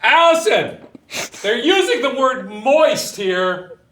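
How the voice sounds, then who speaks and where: A man in his fifties co-hosting a podcast, telling animated, joking stories in casual chat. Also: very high-pitched, takes it slowly. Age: 50s. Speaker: podcast co-host.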